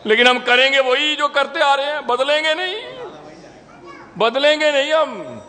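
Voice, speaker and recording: A man's voice: very high-pitched, animated, unhurried, sharp tone, in a large hall, voice pushed up, full character voice. A man doing a smug listener who won't change.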